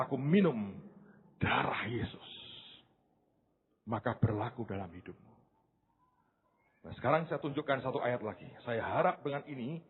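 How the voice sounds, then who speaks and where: A male pastor preaching a sermon, telling the story dramatically, swinging from hushed asides to shouts and calling the congregation "saudara". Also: medium pitch, husky. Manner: colloquial, addresses the congregation as "saudara". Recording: phone-like lo-fi audio in a reverberant hall.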